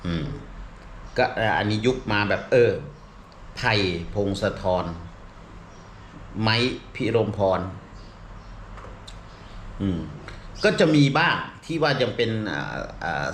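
A man's voice: on the low side, very animated, slow, long pauses, a bit bright. A middle-aged man, a comedian, explaining at length in a rambling casual way, full of fillers, restarts and polite particles. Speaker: comedian and show regular. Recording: echoey room with faint ambient noise.

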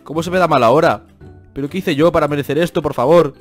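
A man's voice: a little high, fast, faint music behind. A young man with a Spain Spanish accent giving gameplay commentary, exasperated and complaining, with dramatic outbursts. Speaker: gaming youtuber.

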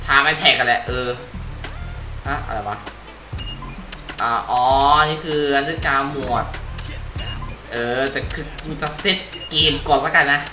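A man's voice: medium pitch, slow pace, pauses often. A young man giving casual let's-play commentary, rambling and swearing as he corrects himself. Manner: rambling and profane, self-correcting. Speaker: gamer. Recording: echoey room with loud game music.

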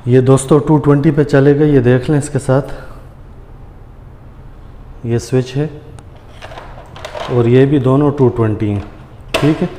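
A tutorial host with a dark, steady, medium-pitched voice speaks a little slowly, pausing often, as he casually walks friends through a hands-on task step by step. He works at a granite counter in a tiled room, and the recording is noisy and echoey off the hard walls.

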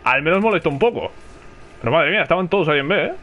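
Chatty Spanish gaming streamer, fairly high voice. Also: male voice, lively intonation, racing, a bit bright, highs cut off. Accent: Spanish from Spain. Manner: chatty, reacts aloud and calls to teammates. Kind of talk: live gameplay commentary.

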